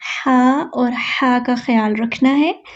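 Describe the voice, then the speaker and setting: A woman teaching Quran recitation, chanting verses slowly and drawn out, then explaining pronunciation patiently. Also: on the high side, dull audio.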